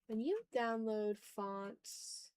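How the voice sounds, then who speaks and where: A woman with a fairly high yet darkish, clear, resonant voice speaks extremely slowly. She draws on a livestream, chatting informally with viewers and muttering through her process step by step.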